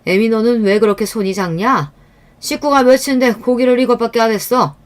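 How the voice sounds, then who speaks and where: A woman's voice: a little high, a little fast, close to an everyday voice. A woman voicing an older, nagging mother-in-law who scolds her daughter-in-law with contempt. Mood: scolding, scornful.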